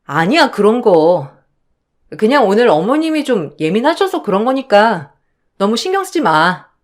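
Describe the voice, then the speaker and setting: A woman's voice: medium pitch, very animated, moderate pace, close to an everyday voice. A woman voicing a young wife who answers back firmly and indignantly, in a radio drama. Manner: firm, indignant retorts. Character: sharp-tongued young wife standing her ground.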